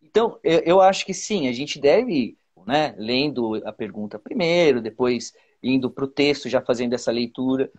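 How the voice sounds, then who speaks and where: Husky-voiced Brazilian male teacher, halting. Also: medium pitch, animated, darkish tone, lo-fi sound. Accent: Brazilian Portuguese. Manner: halting, many repeated words and fillers. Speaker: teacher, guest. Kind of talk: casual explanatory advice.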